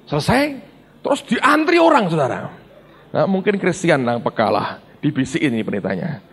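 A man's voice: fairly high pitch, very animated, normal speed, fairly bright tone, breathy edge. A middle-aged male pastor, telling a story in a sermon and acting out the dialogue while addressing the congregation.

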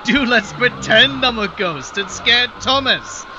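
A man's voice: very high voice, expressive, slow, dull audio, background noise, voice pushed up, full character voice. A man doing a cheeky little steam engine. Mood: mischievous. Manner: playful, spooky wailing when pretending.

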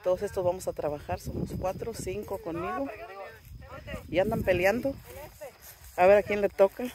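A woman's voice: medium pitch, moderate pace, crowd noise. A woman with a northern Mexican accent, chatting casually to her viewers as a vlogger, filming on a phone while working outdoors in a rural field. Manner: chatty, addresses viewers as little friends, playful exclamations. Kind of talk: casual vlog chat to viewers.

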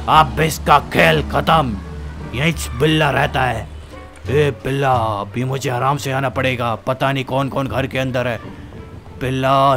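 A man's voice: mid-range voice, vocal fry, sharp tone, full character voice. A man doing a drunk mumbling gangster thug. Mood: sneaking. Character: drunk male gangster thug, sulky and vengeful.

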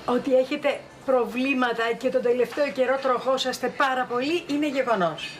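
High-pitched woman playing a mom, sweet and calming, faint background noise. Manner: soothing, affectionate. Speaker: mother in a TV drama. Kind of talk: acted TV drama dialogue.

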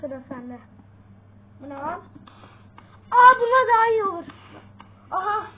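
Jumpy female game streamer with a very high voice, yelps at scares, tinny phone-like line. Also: sing-song, measured pace. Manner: jumpy, yelps at sudden sounds. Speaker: gaming channel host. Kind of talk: casual gameplay commentary. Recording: tinny phone-like sound, faint noise.

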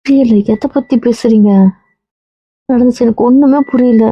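A woman's voice: on the high side, fairly even intonation, normal speed, breathy edge, no echo, lo-fi sound. A woman playing a wife in a scripted family drama, coaxing and teasing her husband.

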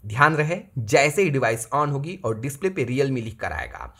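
A man with a medium-pitched, sharp-toned voice hosts a phone repair tutorial at a moderate, animated pace, walking viewers through it step by step. He calls them friends and repeats each step. Only his hands are on camera as he works indoors at a table.

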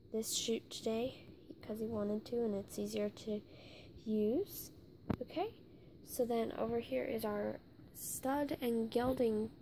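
A young woman casually narrating a tour of her toy horse barn, halting as she lists the names and sometimes dropping to a whisper. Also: on the high side, vocal fry, dark tone, slight background noise. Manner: halting, stops to list names, drops into whispers. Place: indoor room with toy barn on carpet.

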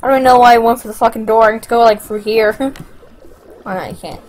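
A woman's voice: a little high, fast talker, faint music behind, low-quality recording. A woman playing a survival video game, swearing freely and thinking aloud as she plays. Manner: profane, excitable, thinking aloud. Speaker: gamer. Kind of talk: let's play commentary.

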